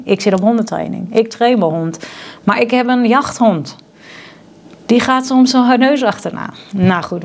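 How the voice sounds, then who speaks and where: A woman's voice: mid-range voice, darkish tone. A woman speaking as a spiritual coach in a casual monologue, earnest, acting out the voices of people she quotes. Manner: earnest, acts out quoted dialogue. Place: home on a mountain.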